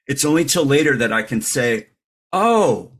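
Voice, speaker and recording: Middle-aged man, husky mid-pitched voice, candid recovery share with dry self-mockery. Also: fairly quick, a bit bright. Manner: candid, reflective, self-deprecating humor. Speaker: recovery meeting speaker.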